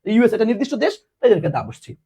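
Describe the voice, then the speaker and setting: A man's voice: high-pitched, quick pace, husky, muffled recording. A man teaching a live online class, repeating words and quizzing students. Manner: animated, repeats words, asks students questions.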